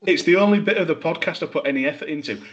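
A man's voice: a little high, very fast. Self-deprecating man, dull lo-fi recording. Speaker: podcast co-host. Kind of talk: casual chat. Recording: dull lo-fi microphone.

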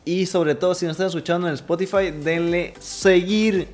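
A man's voice: high voice, steady tone, moderate pace, darkish tone, soft background music. A man with a Mexican accent, co-hosting a podcast in casual banter, full of crude slang and frequent laughter. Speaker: podcast co-host.

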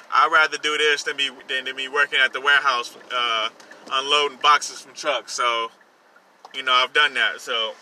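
A man with a bright, forceful voice at medium pitch hosts a casual solo vlog from the car he's driving, using slang and repeating himself. He's a songwriter with his own podcast segment, and faint vehicle noise can be heard throughout.

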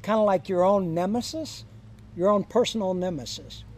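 An older man telling stories from his years as a high school counselor in a casual podcast chat, chuckling and acting out the quoted lines. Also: normal speed, darkish tone. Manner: chuckling anecdotal storyteller, acts out quoted lines.

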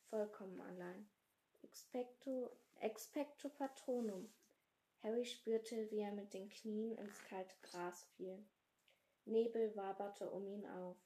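A woman reads a fantasy book aloud, taking her time and keeping her voice hushed and low-key. Her tone is dark and mellow, with a slow, deliberate pace. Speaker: podcast host reading aloud. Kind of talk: slow dramatic read-aloud.

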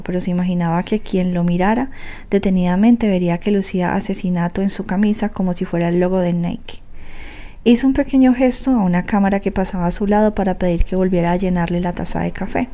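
A woman narrating an audiobook in a steady, measured way. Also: medium pitch. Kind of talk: scripted narration.

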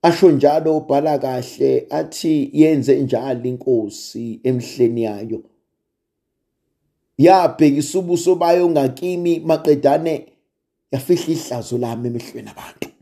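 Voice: medium pitch, moderate pace, warm tone. A preacher with a Zulu South African accent giving a sermon in repetitive, rhetorical phrases. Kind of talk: sermon with prayer quotations and testimony.

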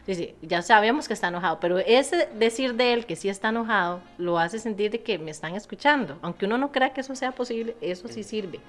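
A woman with a Costa Rican accent in casual conversation, lively and expressive as she talks. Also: mid-range voice, brisk, hardly any pauses, faint music behind. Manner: animated, acts out quoted voices.

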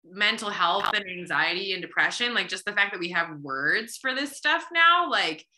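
A woman's voice: mid-range voice, expressive, moderate pace, sharp tone. A woman in her thirties hosting a podcast, chatting reflectively and often saying "like". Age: 30s. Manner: reflective, chatty, heavy use of "like". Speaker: podcast host. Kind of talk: casual conversational interview.

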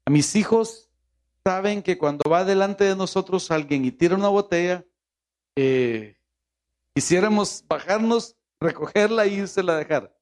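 A man's voice: high voice, normal speed, a little mellow. A man from Honduras with a Honduran Spanish accent, a pastor who prays with pleading repetition and then preaches, asking the congregation rhetorical questions. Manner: pleading, repeating "Señor" in prayer. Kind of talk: sermon with prayer.

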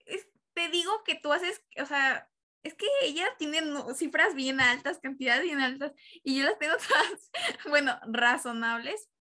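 Female podcast co-host, casual banter, high bright tone, teasing, dryly ironic. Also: measured pace. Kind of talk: casual chat between podcast co-hosts.

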